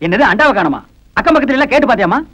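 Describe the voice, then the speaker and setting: A man's voice: extremely high pitch, animated, rapid-fire, fairly bright tone, exaggerated voice. An actor playing a poor, witty village father and folk performer, wry and indignant by turns. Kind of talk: TV drama acting.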